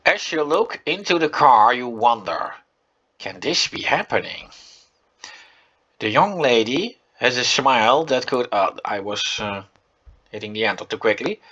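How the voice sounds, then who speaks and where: A man's voice: medium pitch, expressive, moderate pace, sharp tone, muffled recording. A man giving casual let's-play commentary on an old adventure game, reading its text aloud between chatty asides full of fillers. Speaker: gameplay commentator.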